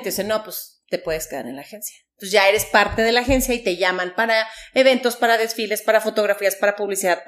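A woman's voice: a little high, a bit bright. Woman guest, middle-aged, casual chatty storyteller. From Chihuahua, Mexico. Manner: chatty, full of fillers and quoted dialogue. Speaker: interview guest.

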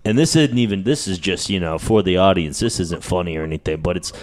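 A man's voice: deep voice, fast talker, a little hiss or hum. A man in his thirties hosting a casual comedic chat, telling rambling, slangy stories. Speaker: podcast host.

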